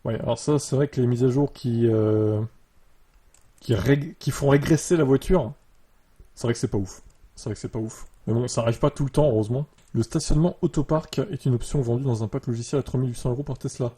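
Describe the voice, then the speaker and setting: A casual man with a very dark, slightly husky voice, reading out article lines and answering them with loose, filler-heavy chat. His USB desk mic gives a muffled, bass-heavy sound. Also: brisk. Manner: relaxed, many fillers, reads article lines then reacts. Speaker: YouTuber commenting on electric cars. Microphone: USB desktop mic.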